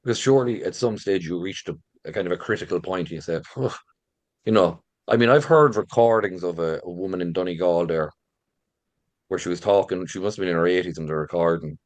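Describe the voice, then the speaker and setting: Irish man, middle-aged, deep voice, lilting informal storyteller delivery, very dry sound. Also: quick pace, no echo. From rural Ireland. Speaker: visitor centre manager and local folklore storyteller.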